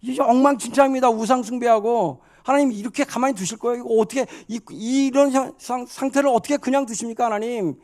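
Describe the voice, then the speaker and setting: Indignant male prophet, high and pushed, put on by a male preacher. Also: quick pace, hardly any pauses, darkish tone. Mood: protesting. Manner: pleading, indignant, protesting. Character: agitated male prophet arguing with God.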